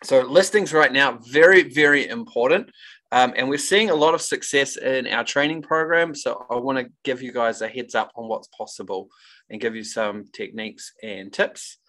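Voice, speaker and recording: A real estate trainer from New Zealand, speaking with a Kiwi accent, runs a webinar over a video call and upbeatly coaxes the audience to take part. His voice is medium in pitch and sharp in tone, at a normal speed, and the recording is rough.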